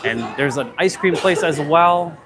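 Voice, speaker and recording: A man's voice: a little high, unhurried, a crowd in the background. A man vlogging a casual walking tour of an outdoor shopping plaza, rambling with many fillers, his voice run through noise cancellation with noise reduction artifacts. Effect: noise cancellation processing with noise reduction artifacts.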